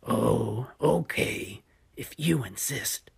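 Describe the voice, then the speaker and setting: A woman's voice: extremely low pitch, expressive, drawn-out words, gravelly, slightly rough, pitched below the performer's own voice, full character voice. A woman voicing an anxious, hungry young male hippo in a storybook reading, sounding worried and doubtful.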